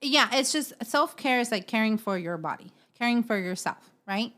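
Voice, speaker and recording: A woman's voice: fairly high pitch, lively intonation, normal speed, a bit bright. Earnest woman podcast co-host. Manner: earnest, explains at length with fillers like "right?". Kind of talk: casual podcast chat.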